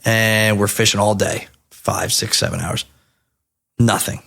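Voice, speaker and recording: A man in his thirties from New Jersey, telling stories as a podcast guest in a casual, animated and profane way. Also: lowish voice, unhurried, vocal fry.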